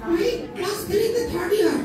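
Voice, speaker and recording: A man's voice: extremely high pitch, quick pace, a loud crowd, pitched above the performer's own voice. A man voicing a goofy, cheeky schoolchild puppet that teases and argues back in a ventriloquist comedy show. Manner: goofy, mischievous, teasing back-talk. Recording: roomy echoing hall, distant mic, audience.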